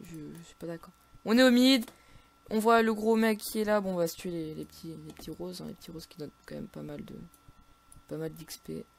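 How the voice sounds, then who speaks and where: A woman's voice: deep voice, vocal fry, a little hiss or hum. A woman with a French accent casually commentating her own video game play, full of frustrated outbursts and stumbling restarts.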